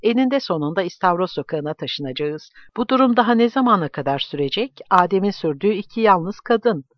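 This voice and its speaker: A man's voice: high voice, expressive, normal speed, dry recording, muffled recording, voice pushed up. A man voicing a shy, earnest young woman in an audiobook.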